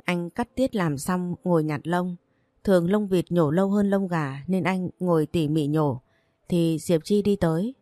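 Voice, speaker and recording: A woman narrates a romance novel in an even, steady storytelling voice. Her pitch sits on the low side, and the recording is dry and close to the mic. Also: a little slow, no room sound. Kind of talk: scripted audiobook narration.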